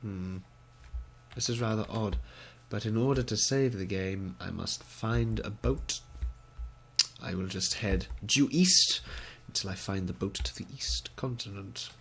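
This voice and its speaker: Here a young gaming creator with a cold speaks in a fairly low, unhurried voice, sounding stuffed up. His headset let's play commentary is wry and mock-posh, delivered in an exaggerated gentlemanly accent.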